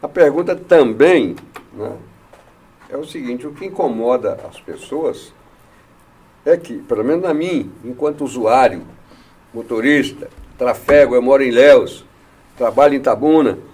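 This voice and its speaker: A man's voice: medium pitch, normal speed, darkish tone, slightly rough. Talkative Brazilian man hosting a chat. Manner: talkative, opinionated, rhetorical questions. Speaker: radio show host. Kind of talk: casual chat.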